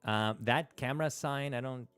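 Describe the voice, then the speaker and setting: Sitting at a desk in a small room, a native Spanish speaker in his thirties hosts a live stream and talks casually as he plays, thinking out loud with lots of fillers and restarts. His medium-pitched voice is a bit bright and clean, at normal speed. Soft music runs in the background, and he uses a close studio mic on a stand.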